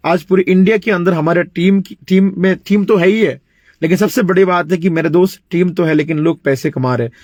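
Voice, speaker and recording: A man in his late twenties from India, delivering a persuasive motivational sales pitch for network marketing. He mixes English phrases into his talk, leans on fillers like "you know" and often clears his throat. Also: darkish tone, dry recording. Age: 20s.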